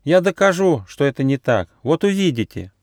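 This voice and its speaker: Guy doing a tiny mouse kid, high squeaky voice, fairy tale audiobook. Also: very animated, measured pace, vocal fry, a little mellow, dry recording, clean studio sound, exaggerated voice. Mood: earnest. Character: small timid young male mouse.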